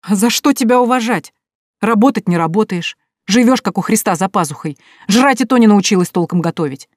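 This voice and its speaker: A woman's voice: mid-range voice, animated, darkish tone, dry recording, clean studio sound, voice pushed up, close to an everyday voice. A woman voicing a contemptuous, sneering husband in an audiobook. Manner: mocking, slow and sneering.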